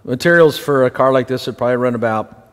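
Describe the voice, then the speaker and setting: A middle-aged man gives straight, practical answers as a detailing instructor in a live class, his voice sitting at an ordinary pitch. He leans on casual fillers like "you know" and "look". The sound carries a long reverberant ring from the shop. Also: quick pace. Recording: reverberant room.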